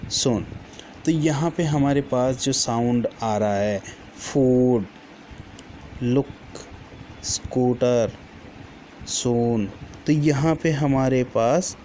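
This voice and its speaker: Slow, patient male teacher. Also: mid-range voice, mellow, slight background noise. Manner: patient, repeats each word list twice; corrects himself mid-sentence. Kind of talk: classroom lesson.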